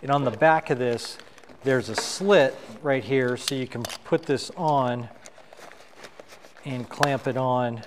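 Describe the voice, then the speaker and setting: A middle-aged man demonstrating how to assemble lighting gear at a table in a dark studio, talking as he works. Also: mid-range voice, long reverb tail, a little hiss or hum. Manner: unhurried, talks while assembling gear. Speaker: photographer reviewing gear. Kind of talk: hands-on gear demo. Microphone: wireless lapel mic.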